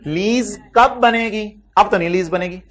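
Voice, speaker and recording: A man with a Pakistani Urdu accent giving an accounting lecture, quizzing his students with rapid questions and mixing in English terms. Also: sits high, a bit bright. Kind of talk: classroom lecture.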